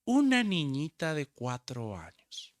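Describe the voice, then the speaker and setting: A man's voice: a little high, huge pitch swings, takes it slowly, no room sound, clean studio sound. A man preaching a sermon as pastor, urging his listeners and calling each one brother. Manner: exhorting, addresses listeners as brother.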